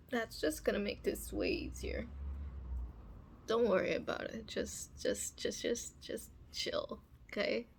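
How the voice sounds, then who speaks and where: Whispered role-play: young woman as a teasing, bossy roommate, breathy, slow. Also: mid-range voice, full character voice. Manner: teasing, commanding, soft whispering. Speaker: ASMR performer.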